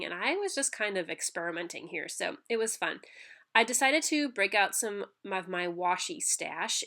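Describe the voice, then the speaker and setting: A woman with a stuffy nose from a cold hosts a scrapbooking channel, chatting casually through a crafting voice-over full of ums and restarts. Her voice is on the low side with a fairly bright tone, recorded on a home voice-over mic.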